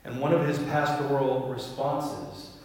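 A man preaching a sermon as pastor, gentle and reflective, often dropping to a soft, quiet voice. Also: medium pitch, little pitch movement, measured pace. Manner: gentle, reflective, drops to quiet near-whispers. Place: large church sanctuary. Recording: echoey hall, voice from far off.

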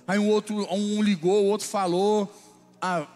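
Man, Brazilian Portuguese accent, pastor, high voice, animated sermon, soft music. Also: in a large hall. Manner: animated storytelling, turning slow and solemn in prayer. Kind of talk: sermon with storytelling and prayer.

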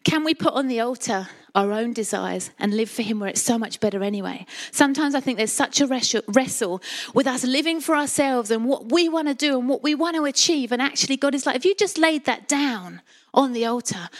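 High-pitched Essex woman preaching. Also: fairly quick. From Essex, England. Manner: chatty, colloquial, uses rhetorical questions. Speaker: church preacher. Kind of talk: sermon with chatty personal storytelling.

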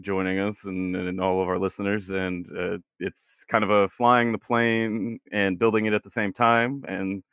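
Halting, low-voiced man co-hosting a podcast. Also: flat delivery, fairly bright tone, clear, resonant tone, no room sound. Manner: hesitant, halting, good-humoured. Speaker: podcast co-host. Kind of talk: casual chat.

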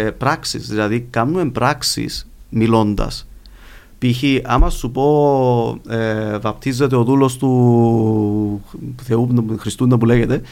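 With a creaky, mid-range voice, a man speaking with a Cypriot Greek accent chats as a guest linguist in an interview, using examples to explain his points.

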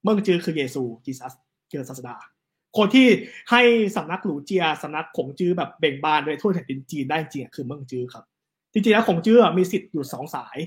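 A man, telling history stories in a casual, animated chat. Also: on the high side. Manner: animated, fast storytelling with quick asides. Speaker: guest storyteller on history.

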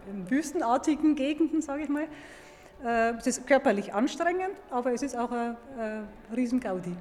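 This high, darkish-toned female voice belongs to a museum paleontologist who is there as a guest expert. Recorded in a big echoing hall, she talks science with children in a casual, emphatic manner.

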